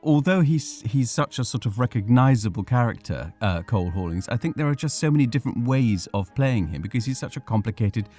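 A man's voice: medium pitch, expressive, brisk, few pauses, a little mellow, faint music behind. A man interviewing in a conversational way.

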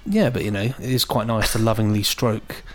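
This English podcast co-host chats casually and cracks jokes while reading listener emails aloud. He talks a little fast in a lowish voice, with soft music playing behind him.

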